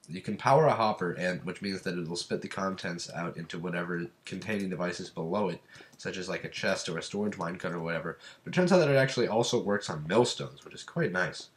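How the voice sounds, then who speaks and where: A man's voice: sits low, a bit bright, slight background noise. A man with a stuffed-up cold giving casual let's-play commentary, rambling and thinking aloud while he counts and crafts. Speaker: gameplay commentator.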